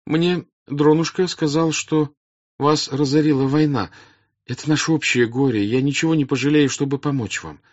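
A man voicing an anxious but earnest young noblewoman pleading with a crowd, in a raised, high, urgent voice, read as an audiobook character. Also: normal speed, no echo, muffled recording, close to an everyday voice.

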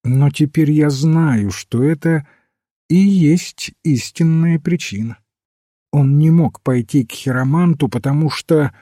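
A man voicing a mild, thoughtful old priest-detective who calmly reasons a case through, in a storybook reading. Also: on the high side, slow pace, dry recording, clean studio sound. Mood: explaining. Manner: calm, reasoning, gently explaining. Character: mild, thoughtful elderly male priest-sleuth.

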